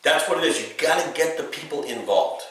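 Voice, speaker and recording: A man's voice: fairly high pitch, brisk. A man who is an acoustic musician, coaching beginners in a casual, emphatic way and often checking in with the listener. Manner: lively, emphatic, keeps checking in with the viewer. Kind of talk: casual spoken instruction. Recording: very echoey room, distant mic.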